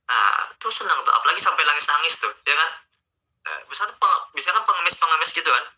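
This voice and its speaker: A male Islamic teacher gives a casual online religious talk, chatting with and coaxing his listeners directly. His voice is a little high and sharp, animated and fast, heard through dull lo-fi stream audio.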